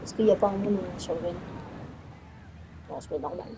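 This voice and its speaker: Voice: medium pitch, quick pace. Casual gamer thinking aloud, noisy recording. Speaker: gaming video host. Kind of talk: casual let's-play commentary, thinking aloud.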